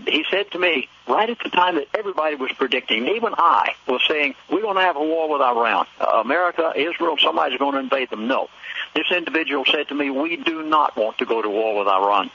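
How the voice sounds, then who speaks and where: A man speaking as a guest on a talk radio show, urging listeners directly and talking fast. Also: on the high side, lively intonation, pushed and bright, slightly rough. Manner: urgent, preachy, addresses listeners directly. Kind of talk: radio interview. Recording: lo-fi phone line.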